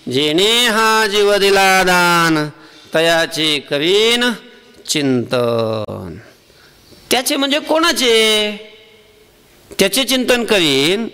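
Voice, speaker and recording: A man giving a devotional sermon as a preacher, asking the listeners questions and answering them himself, and slowing down to chant verses. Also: high-pitched, fairly bright tone, clean tone, in a large hall. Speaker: Varkari preacher.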